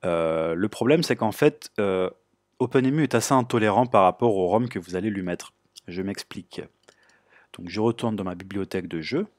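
A man hosting a computer tutorial, explaining step by step in a relaxed way with frequent filler sounds. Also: low voice, moderate pace, dry recording, clean studio sound. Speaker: tutorial host. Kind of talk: screen-recorded tech tutorial.

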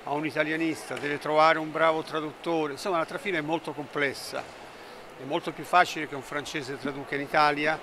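A man's voice: on the high side, steady tone. Older man talking at a noisy fair. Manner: measured, explanatory, with hesitant fillers. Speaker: publisher. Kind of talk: trade fair interview. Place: busy book fair stand, indoors. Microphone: handheld mic held by interviewer. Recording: noisy fair hall ambience.

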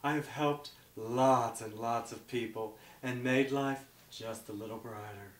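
Man playing a slow, grandiose drag diva infomercial hostess. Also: mid-range voice, fairly even intonation, recorded from a distance, lightly acted. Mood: selling, sugary. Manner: grandiose, coy, theatrical. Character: sugary self-proclaimed mystical drag diva pitching her app. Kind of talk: parody hard sell infomercial pitch. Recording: echoey room, off the mic.

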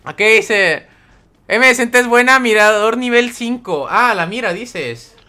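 A man's voice: high-pitched, takes it slowly, pushed and bright. A young man streaming a game live, chatting with viewers, greeting them by name and reading the chat aloud. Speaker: gaming streamer.

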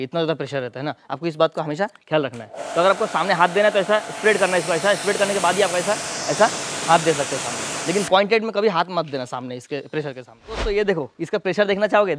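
A man talks through a hands-on product demo at a rapid clip, explaining as he goes. His voice sits a little high for a man, and there is a faint noise behind him. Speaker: product reviewer. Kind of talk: casual product demo and review.

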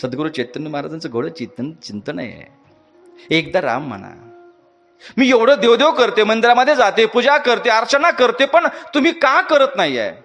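High-voiced male devotional preacher. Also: very animated, moderate pace, soft background music. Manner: swings between loud high exhortation and soft low asides, addresses the audience directly. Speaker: devotional storyteller. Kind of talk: devotional katha sermon.

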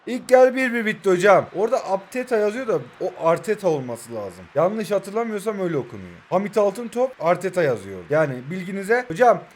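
A man's voice: high voice, very animated, brisk, few pauses. A man in his twenties chatting casually as he plays a mobile football game and reacts to each move. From Turkey. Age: 20s. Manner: chatty, keeps saying hocam, flares up at the referee. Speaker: mobile football gamer and streamer. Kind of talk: casual gameplay commentary.

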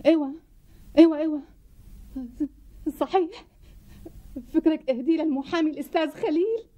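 An actress playing a flustered young doctor who talks in a fretful, pleading way with a Syrian Arabic accent in a TV sitcom. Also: female voice, sits high, normal speed, warm tone, dull audio, natural voice. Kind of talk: TV sitcom acting.

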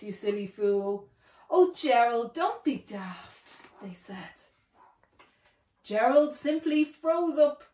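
A woman slowly reading a rhyming children's picture book aloud in an expressive, sing-song way. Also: a little high. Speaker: storybook reader. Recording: echoey room.

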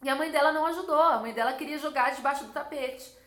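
A woman's voice: sits high, fast, a bit bright. A young Brazilian woman vlogger telling a personal religious story with intense emotion and a lot of repetition. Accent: Brazilian Portuguese. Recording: echoey room.

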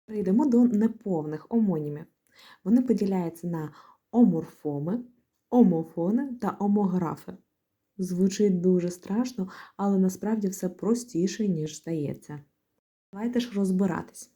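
A young woman explaining grammar in a clear, lightly joking lesson. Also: medium pitch, moderate pace, warm tone. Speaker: Ukrainian language tutor. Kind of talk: exam-prep lesson.

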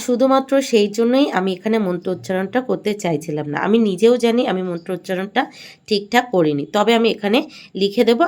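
This is a middle-aged woman with a Bengali accent, narrating her own home video. She explains each step gently and carefully, in a patient, instructive tone, like a vlogger guiding her viewers. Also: medium pitch. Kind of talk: voice-over explaining a home ritual.

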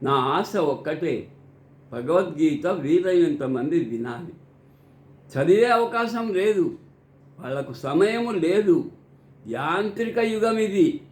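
Slow, earnest older man in echoey room. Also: fairly high pitch, lively intonation. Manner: slow, earnest, preacherly delivery. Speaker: scripture reader and teacher. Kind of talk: devotional scripture recitation with explanation.

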